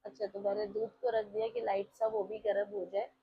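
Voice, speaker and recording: A woman's voice: mid-range voice, little pitch movement, brisk, creaky. Woman, confiding vlog narration, faint home hum behind. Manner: chatty, confiding, addresses viewers directly. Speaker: vlogger. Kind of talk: casual vlog voice-over narration. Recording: slightly dull lo-fi with faint home ambience.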